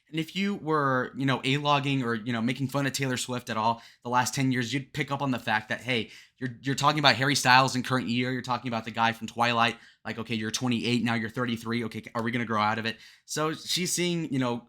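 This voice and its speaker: A man's voice: medium pitch, pushed and bright. A young man in his twenties giving a blunt, rambling breakdown of a song, full of fillers. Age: 20s. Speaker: music commentator. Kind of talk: casual song breakdown commentary.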